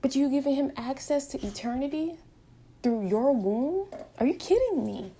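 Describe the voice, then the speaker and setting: A woman's voice: sits high, animated, normal speed, mellow, a little hiss or hum. A woman in her twenties vlogging from home in an impassioned, emphatic monologue full of rhetorical questions. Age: 20s. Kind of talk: opinionated direct-to-camera monologue.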